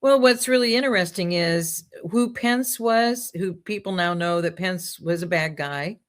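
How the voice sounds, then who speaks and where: A woman's voice: fairly low pitch, unhurried. A woman guest in casual talk-show conversation, telling rambling stories with jokes and asides.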